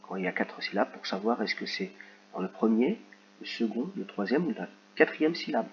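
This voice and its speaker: A man teaching a recorded phonics lesson to young children, dictating words slowly and clearly. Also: mid-range voice, very animated, muffled recording, a little hiss or hum. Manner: slow, carefully articulated word dictation.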